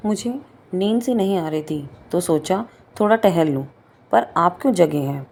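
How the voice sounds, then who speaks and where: A woman's voice: fairly low pitch, expressive, moderate pace, creaky, a little mellow, a little hiss or hum. A woman reading as a shy young daughter-in-law. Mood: hesitant. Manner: hesitant, respectful. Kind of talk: storybook reading.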